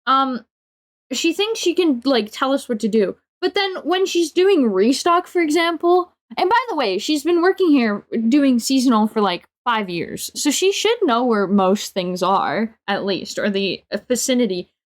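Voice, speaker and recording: A young woman streamer ranting in a casual, storytelling way, her voice sitting a touch high. She sounds exasperated and swears freely, with her sentences full of filler words. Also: expressive, measured pace. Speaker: livestreamer.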